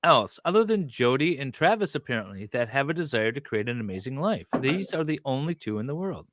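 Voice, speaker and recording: A middle-aged man with a medium-pitched voice, big pitch swings, and a fairly quick pace is heard against a noisy background. As a co-host, he casually reads a document aloud and breaks off for wry, teasing asides.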